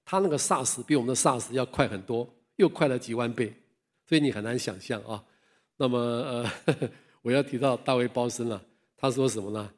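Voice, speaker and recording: A male preacher delivers a sermon in a mid-range voice, slipping into animated storytelling. He chuckles often as he tells his tales. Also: medium pitch, brisk.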